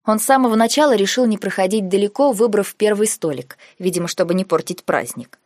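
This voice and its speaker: A woman narrating a first-person fantasy audiobook in a measured, even way on a close mic. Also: mid-range voice, no room sound.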